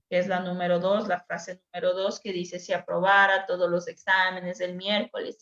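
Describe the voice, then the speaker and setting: A woman's voice: mid-range voice, fairly bright tone. Woman teacher in an echoey room. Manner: explains patiently, addresses the group directly. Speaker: teacher running a dyslexia workshop. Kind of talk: online workshop explanation. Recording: echoey room, dull lo-fi sound.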